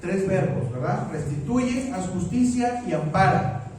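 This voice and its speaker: A man preaching a sermon as pastor, slow and deliberate, repeating his phrases. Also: sits high, animated, a little mellow, heavy reverb, far from the mic, slight background noise, poor audio.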